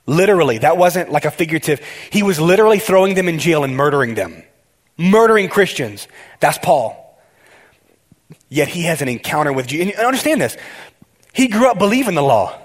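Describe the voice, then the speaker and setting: A male pastor delivers a casual, conversational sermon in a notably high voice. He is excitable and speaks directly to his listeners, often stumbling and restarting his sentences as he gets carried along. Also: a little fast. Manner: excitable, talks straight to the congregation with frequent restarts.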